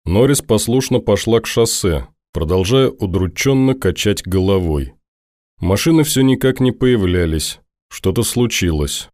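A man reads a story aloud in a low, dark, mellow voice. His delivery is steady and even. The recording is close and dry. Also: unhurried, dry recording. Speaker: audiobook narrator. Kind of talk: scripted narration.

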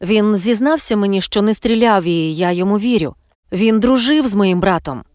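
A woman's voice: medium pitch, moderate pace, darkish tone, dry recording, close to an everyday voice. A woman playing Ida, a nineteen-year-old student pleading tearfully before a tribunal, in an audiobook.

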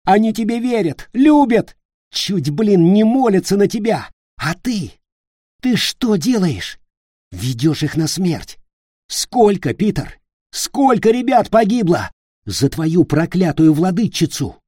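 Guy voicing a freaked out young dude yelling, sarcastic, voice pushed up high. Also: big pitch swings, slow pace, no echo, clean studio sound, full character voice. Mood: accusing. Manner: shouting, sarcastic and accusing. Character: horrified, accusing young man.

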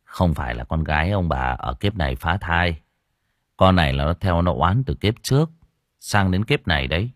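A man's voice: sits low, animated, normal speed, dry recording, studio quality. A man voicing a stern, fearless young exorcist in an audio horror story, blunt and threatening.

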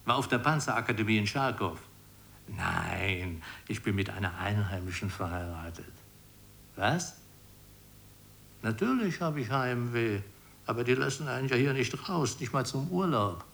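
A man's voice: on the low side, lively intonation, normal speed, creaky, fairly bright tone, slight background noise. An actor playing a blunt, crude male justice minister who talks on the phone in a satirical radio play. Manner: blunt, coarse, matter-of-fact.

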